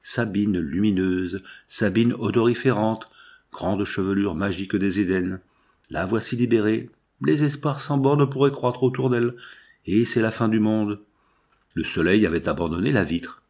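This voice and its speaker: A man reading a novel aloud as an audiobook narrator, measured and lyrical with dramatic pauses. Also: fairly low pitch, darkish tone.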